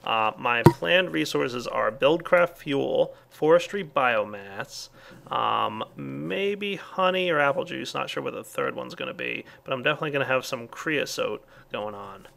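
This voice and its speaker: A man's voice: medium pitch, expressive, a little slow, vocal fry, a bit bright. A man casually commenting on his game as he plays, thinking aloud with lots of fillers. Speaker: let's play host.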